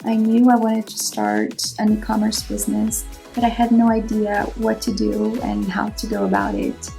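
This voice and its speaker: A woman from Brazil giving a calm, matter-of-fact testimonial. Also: mid-range voice, normal speed, vocal fry, faint music behind. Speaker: customer testimonial.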